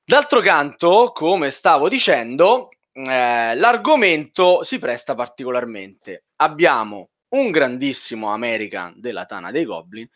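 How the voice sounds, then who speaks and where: A man's voice: mid-range voice, sing-song, a little slow, few pauses, a bit bright. A man hosting a podcast in casual chat, with a playful, teasing manner. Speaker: podcast host.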